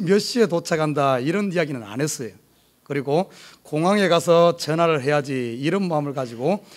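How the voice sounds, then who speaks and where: Man, middle-aged, Gyeongsang accent, pastor, sermon in a church, joking personal story, slightly high voice. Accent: Gyeongsang Korean. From South Korea. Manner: storytelling with humor, lively and animated. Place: church sanctuary.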